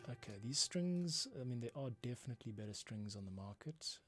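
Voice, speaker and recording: With a mid-range voice, lively intonation, and a fairly quick delivery, a composer talks his way through his process on a live music production stream. It's an offhand think-aloud tutorial, full of muttering to himself. The recording carries background music, score playback, and keyboard clicks.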